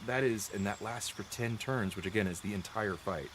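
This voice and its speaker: Here a streamer with a fairly low voice explains game spells at a normal speed, and background noise can be heard. He's chatty and scattered, restarting sentences, fixing his own mistakes and reasoning aloud. Frequent coughs from a dry throat come through his close desk microphone.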